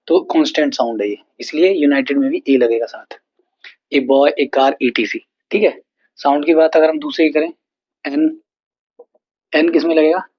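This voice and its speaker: A man teaching an English grammar lesson, explaining slowly and repeating words with frequent checks. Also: on the high side. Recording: dull lo-fi recording.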